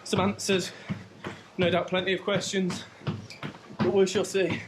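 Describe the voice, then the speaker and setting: A man's voice: high voice, flat delivery, unhurried. A man chatting casually to his vlog viewers while running on a treadmill at home. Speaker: vlogger. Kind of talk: casual chat to camera. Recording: clear background noise of treadmill, clicks.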